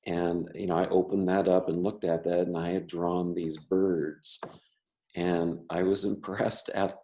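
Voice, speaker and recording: A man's voice: sits low, little pitch movement, a little slow, dark tone. A man who stutters, an artist and teacher talking casually in an interview, with many restarts and repeated words. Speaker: member artist.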